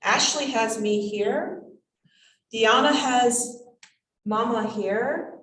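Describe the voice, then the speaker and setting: A woman acting as a seance medium in trance, voicing a cryptic, whimsical spirit guide in halting, measured phrases. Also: on the high side, fairly bright tone, a little hiss or hum. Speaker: channeling medium. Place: indoors, draped room. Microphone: distant camera microphone. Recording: roomy echo, distant microphone.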